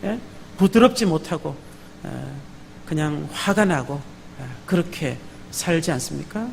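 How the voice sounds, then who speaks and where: Preaching emphatically, this pastor keeps asking his congregation for a response with repeated calls of "예?". His voice is a little high and a little slow, with lively intonation and vocal fry. Captured in a church sanctuary, the audio has long hall reverb and faint background noise.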